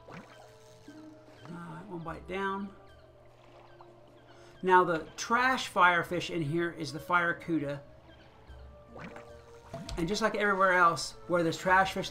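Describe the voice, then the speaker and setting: A man talks his way through a game session in a relaxed, chatty way, thinking out loud and chuckling now and then. His voice sits a little high, with a gravelly edge and a bright, forward tone. Soft game music plays in the background. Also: measured pace, pauses often. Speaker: gaming channel host. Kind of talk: casual gameplay commentary.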